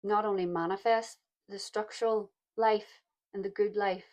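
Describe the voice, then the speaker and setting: A woman with a croaky voice giving a pick-a-card tarot reading, speaking softly and reflectively and calling her listeners "my loves". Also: medium pitch, steady tone, normal speed. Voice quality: gravelly. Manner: soft-spoken, reflective, addresses listeners as "my loves". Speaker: tarot reader.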